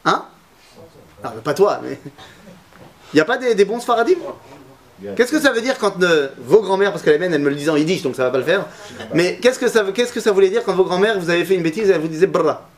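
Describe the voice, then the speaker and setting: A man's voice: high voice, expressive, fast. A man teaching a Torah lesson to a class, asking his students questions and mixing Hebrew terms into his talk.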